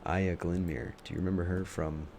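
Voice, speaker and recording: Male game master, very deep pitch, improvised halting tabletop narration, faint noise behind. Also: little pitch movement, darkish tone. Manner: halting, thinks aloud while narrating.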